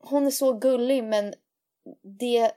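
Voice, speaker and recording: A young woman co-hosting a podcast, chatting casually and animatedly, dropping English phrases into her talk. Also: a little high. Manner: animated, mixes in English phrases, lots of fillers. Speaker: podcast co-host. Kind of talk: casual chat.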